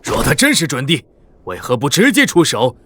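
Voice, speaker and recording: A man voicing a proud, possessive old sect elder in an animated series, indignant and quick to shout. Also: medium pitch, a little hiss or hum. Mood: suspicious. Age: older.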